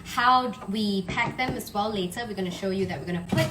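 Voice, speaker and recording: A woman's voice: mid-range voice, a little fast, roomy sound, distant mic, very noisy. A woman chatting casually in a home kitchen while reading out viewer questions. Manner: chatty, reads viewer comments aloud. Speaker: co-host. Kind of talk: casual live chat.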